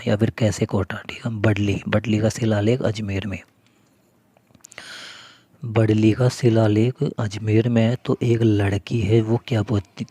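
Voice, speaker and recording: A man's voice: lowish voice, warm tone, no echo. A man teaching memory tricks for an exam, who keeps asking questions and answering them himself while calling viewers his friends. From Rajasthan, India. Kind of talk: mnemonic lesson explaining.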